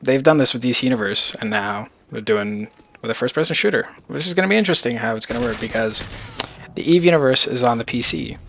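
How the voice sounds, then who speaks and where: A man's voice: medium pitch, expressive, quick pace, vocal fry, bright, forceful tone, a little hiss or hum. A man rambling casually through his video game predictions in a vlog. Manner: rambling, loose and chatty. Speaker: gaming YouTuber.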